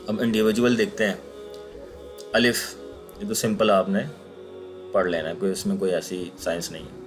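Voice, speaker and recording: A man teaching Quran recitation in a recorded online lesson, explaining each letter sound slowly and patiently and repeating it aloud. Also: deep voice, little pitch movement, soft background music.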